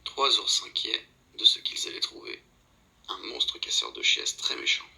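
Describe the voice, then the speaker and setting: Second narrator: man, lowish voice, gravelly, very bright tone, gently scolding asides to the heroine. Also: sing-song, unhurried, rough recording. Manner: speaks directly to the story's heroine, gently scolding. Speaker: storybook narrator. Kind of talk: scripted storybook narration.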